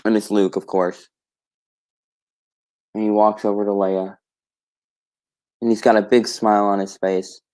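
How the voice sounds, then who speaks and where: A man's voice: fairly low pitch, little pitch movement, measured pace, pauses often, a little mellow. A man streaming alone, retelling a story in a rambling casual way with many restarts and self-corrections. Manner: casual, swears offhandedly.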